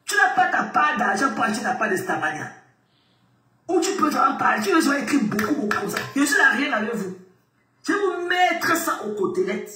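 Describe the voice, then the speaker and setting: A woman ranting on a live stream, scolding and mocking her critics with repeated questions and frequent shouting. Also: high voice, big pitch swings, moderate pace, a little hiss or hum. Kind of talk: angry live-stream rant. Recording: roomy sound from a distance off the mic.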